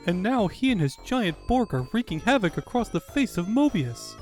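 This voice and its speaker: A man voicing a brisk, earnest young princess who leads freedom fighters in a cartoon fandub. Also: high-pitched, very animated, faint music behind, voice pushed up. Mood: earnest, determined.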